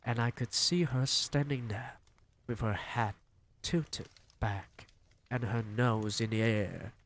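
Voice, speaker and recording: A man reading a novel aloud on a stream, with expressive, dramatic narration. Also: mid-range voice, slow, a little hiss or hum. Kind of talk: storybook reading.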